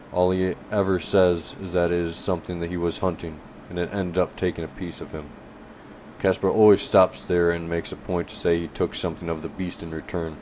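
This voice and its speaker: A man reading a fantasy novel aloud as an audiobook narrator, measured with occasional self-corrections. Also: low-pitched, darkish tone, slight background noise.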